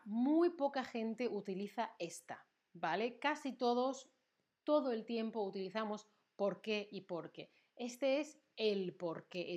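A woman from Spain with a Spain accent, teaching Spanish on a live stream in a fairly high voice. She talks slowly and emphatically, repeats her key words, and often laughs with her viewers. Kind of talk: live-streamed language lesson.

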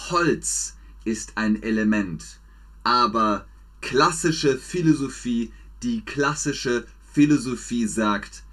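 A man teaching German to a live chat, drilling words slowly and playfully, with big pitch swings. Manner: slow, repetitive, exaggerated drills with lively pitch swings. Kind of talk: slow, playful language lesson for learners.

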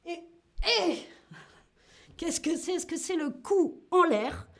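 A woman giving a live online French lesson. She talks in a lively way, acts out tennis shots with grunts, and answers chat viewers by name. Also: extremely high pitch, measured pace. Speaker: French teacher.

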